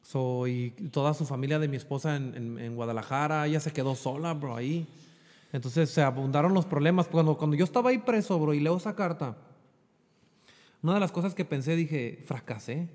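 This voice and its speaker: A Mexican man recounts his own story in earnest, slipping English fillers into his Spanish. His voice sits somewhat high. The recording carries a long, hall-like reverb. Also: a little fast, darkish tone. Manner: earnest, repeats "bro" and mixes in English fillers. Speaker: guest sharing a faith testimony. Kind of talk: emotional personal testimony.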